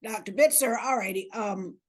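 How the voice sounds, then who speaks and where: A woman co-chairing a committee meeting over a video call, relaxed and laughing, trailing off into fillers. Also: mid-range voice, moderate pace. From North Carolina. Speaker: committee co-chair, elected official.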